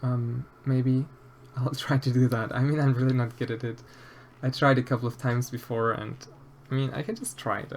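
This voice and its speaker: This medium-pitched Austrian man talks with his stream's chat as he sculpts, soft-spoken and hesitant, with plenty of fillers and restarts in his Austrian German accent. His delivery is flat, at normal speed with hardly any pauses, over a slight hiss or hum.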